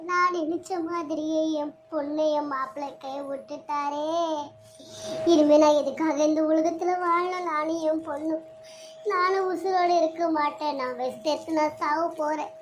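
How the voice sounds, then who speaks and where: A woman's voice: sits high, steady tone, normal speed, faint music behind, close to an everyday voice. A woman voicing a scheming older mother-in-law who laments melodramatically in a homemade serial drama. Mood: wailing.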